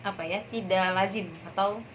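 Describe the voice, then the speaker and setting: A woman's voice: medium pitch, fairly even intonation, moderate pace, a little hiss or hum, poor audio. A young woman teacher giving a recorded grammar lesson, explaining step by step and asking rhetorical questions along the way. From Indonesia.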